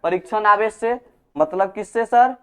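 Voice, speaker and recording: A man's voice: high voice, a little slow, pushed and bright, smooth. A male physics teacher, giving a classroom lecture, repeating key terms as questions to his students. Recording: dull lo-fi recording.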